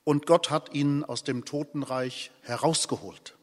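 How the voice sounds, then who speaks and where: A man preaching a sermon as pastor, solemn and deliberate, his loudness rising and falling. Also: fairly high pitch, fairly even intonation. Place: church. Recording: long church reverb.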